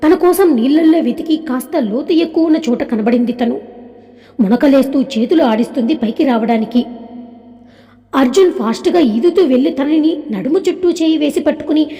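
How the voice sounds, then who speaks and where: A woman reading a scripted story aloud in a calm, even storytelling manner, with a long echoing reverb. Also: high voice, normal speed.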